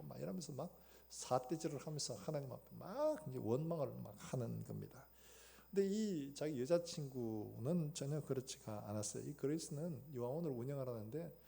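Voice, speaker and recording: A male pastor preaching a sermon, retelling a story and acting out its quoted lines with sudden loud bursts. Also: mid-range voice, creaky. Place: church sanctuary.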